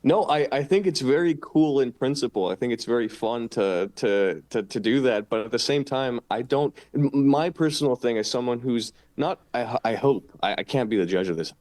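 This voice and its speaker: A man's voice: medium pitch, normal speed, hardly any pauses, a little mellow. Podcast co-host, man, casual, earnest, a rambler who trips over his words.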